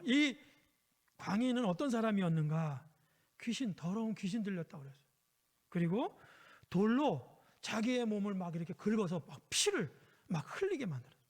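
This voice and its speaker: A man preaching a children's sermon, telling a Bible story gently and asking his listeners questions. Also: high-pitched. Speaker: pastor.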